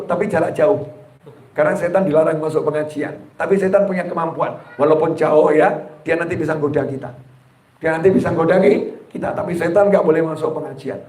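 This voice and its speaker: Male preacher, fairly high voice, teasing the crowd, roomy hall sound. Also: a little mellow. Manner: jokey, addresses audience directly, acts out quoted wives and friends. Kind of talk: humorous Islamic sermon. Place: gathering hall before a live audience. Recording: echoey hall.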